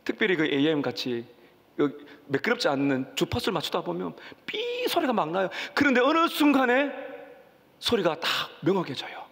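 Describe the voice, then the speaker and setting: A male pastor preaching a sermon with passion, rising to loud cries as he voices the pleas, recorded in a church sanctuary. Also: high-pitched, big pitch swings, normal speed, creaky. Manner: impassioned, rising to cries when voicing pleas. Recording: church hall reverb.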